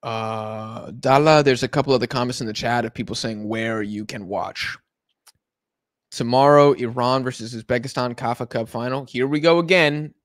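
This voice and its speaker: Casual and laid-back, an American guy rambles through a live football watch-along from his couch, picking up chat comments as they roll in. The recording is dry and studio quality, with a mid-range voice.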